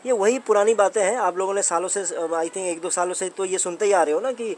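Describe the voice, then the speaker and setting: A man with an Indian accent hosts a commentary channel on a company's updates, talking through them in a casual, conversational explainer style. His voice is high, fairly quick and a little mellow, with a faint hiss or hum. He tends to repeat his points and toss rhetorical questions at the listener.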